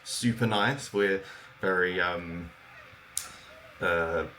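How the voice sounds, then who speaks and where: A British man chatting casually on a podcast, halting often with fillers and restarts. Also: sits low, pushed and bright, slight background noise. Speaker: podcast co-host. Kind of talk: casual chat.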